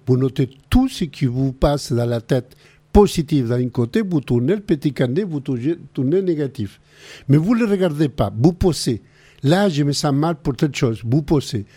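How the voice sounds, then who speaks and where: A middle-aged man with a Chilean accent hosts a call-in radio show. His voice is mellow and dark, at an ordinary pitch. He gives practical self-help advice in an earnest way. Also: lively intonation, moderate pace, husky. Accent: Chilean Spanish.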